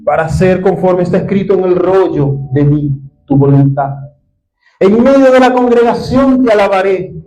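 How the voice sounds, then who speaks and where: Predicador venezolano de voz aguda, apasionado. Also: male voice, sits high, low-quality recording. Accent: Venezuelan Spanish. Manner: impassioned, swings from soft to loud. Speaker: preacher. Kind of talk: sermon.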